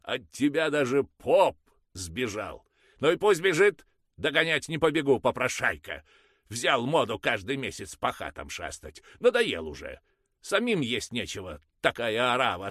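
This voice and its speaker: A man voicing a harsh, pious peasant mother who rants in a high screeching voice. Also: very animated, unhurried, dry recording, clean studio sound. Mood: ranting. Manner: screeching, ranting.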